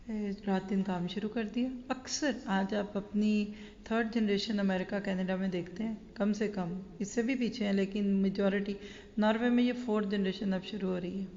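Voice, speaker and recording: A woman's voice: medium pitch, warm tone. Brief: a woman religious teacher lecturing earnestly, with a long hall echo and a dull, muffled sound. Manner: earnest, storytelling, addresses listeners directly. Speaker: Islamic teacher.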